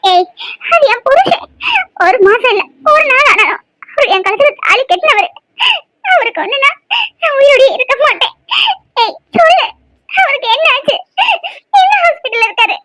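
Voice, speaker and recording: A woman's voice: very high voice, lively intonation, normal speed, long pauses, very noisy. A woman voicing a young newly married woman in a cartoon, frantic and tearful, pleading and scolding by turns. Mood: sobbing, desperate.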